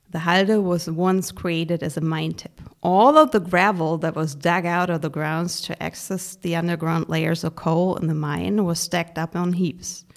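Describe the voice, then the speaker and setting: A woman podcast host speaks English. Her voice sits a little low and has a marked creak, and she presents prepared material in a conversational way. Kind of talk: scripted conversational narration.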